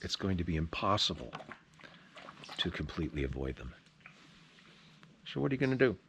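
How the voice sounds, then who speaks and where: Very deep-voiced man rambling casually. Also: big pitch swings, a little fast, gravelly, background noise. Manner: rambling, opinionated, folksy. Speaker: pipe tobacco reviewer and vlogger. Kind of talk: casual rambling video chat.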